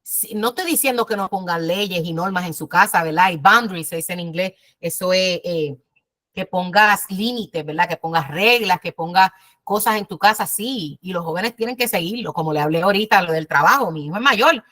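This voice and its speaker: A woman's voice: on the low side, normal speed, fairly bright tone, no echo. A woman, perhaps in her fifties, teaching mothers at church in an earnest, direct, exhorting way. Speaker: women's ministry teacher.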